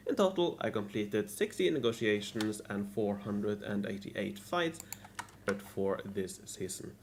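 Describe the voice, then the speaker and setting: A man's voice: fairly low pitch, animated, measured pace, gravelly, slight background noise. A man narrating a scripted recap of his strategy game week, restarting and repeating his lines. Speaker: gaming video creator.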